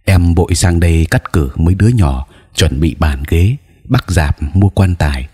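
A man's voice: sits low, lively intonation, moderate pace, darkish tone, husky. A man voicing a sad village uncle who steadily explains what happened. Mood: sorrowful. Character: sad village uncle telling bad news.

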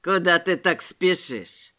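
A woman voicing a noseless, mocking male street robber with a hoarse, wheezy voice and slow, sneering taunts. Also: on the low side, animated, pushed and bright, voice pushed down, heavily acted.

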